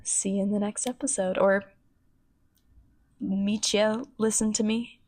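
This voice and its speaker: A woman's voice: mid-range voice, little pitch movement, unhurried, darkish tone. A young woman hosting a solo podcast, talking in a scattered, self-interrupting way, losing her train of thought and swearing casually. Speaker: podcast host. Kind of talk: rambling solo podcast monologue.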